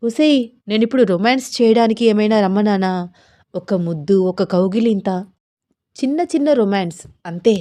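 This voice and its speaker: A woman's voice: mid-range voice, moderate pace, dark tone, lightly acted. A woman voicing a playful, amorous young husband who teases his wife. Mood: teasing. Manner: coaxing, teasing.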